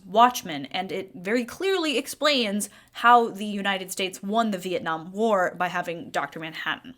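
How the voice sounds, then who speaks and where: A woman's voice: lowish voice, sharp tone. A woman giving scripted, opinionated video-essay commentary as a critical game reviewer.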